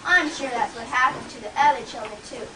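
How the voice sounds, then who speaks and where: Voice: sits high, fairly quick, reverberant, natural voice. A child playing an earnest, pleading little girl in an amateur Christmas stage play, recorded on noisy tape from far off. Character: eager, pleading little girl hiding in a box.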